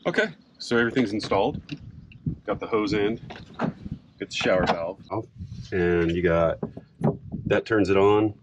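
A middle-aged man casually explaining a boat project outdoors in a sailboat cockpit, relaxed and rambling with frequent fillers. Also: on the low side, moderate pace, pauses often. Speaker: sailboat owner and vlogger. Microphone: camera on a mount a few feet away. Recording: outdoor recording with background noise.

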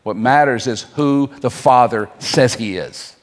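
A man preaching a sermon, asking the crowd rhetorical questions and leaving dramatic pauses. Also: medium pitch, long reverb tail. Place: church hall.

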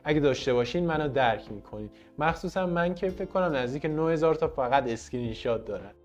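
A man's voice: on the high side, lively intonation, darkish tone, dull audio. Male tech vlogger, friendly and playful, casual tutorial read, light music underneath. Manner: chatty, playful, addresses viewers as friends.

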